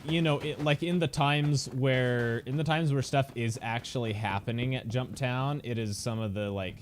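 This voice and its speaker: A man streaming a game and chatting casually, rambling with lots of fillers and restarts. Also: fairly low pitch. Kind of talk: casual gameplay chat. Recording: game engine noise behind voice.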